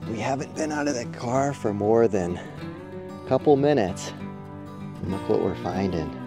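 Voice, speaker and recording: A man hosting a forest foraging vlog, narrating his walk outdoors with relaxed, enthusiastic show-and-tell. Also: medium pitch, a little slow, over music. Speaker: foraging vlogger.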